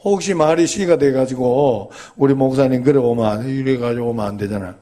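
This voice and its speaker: A male pastor giving a sermon in a conversational, folksy way, telling humorous stories and prompting his congregation with quick rhetorical questions. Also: mid-range voice, dark tone.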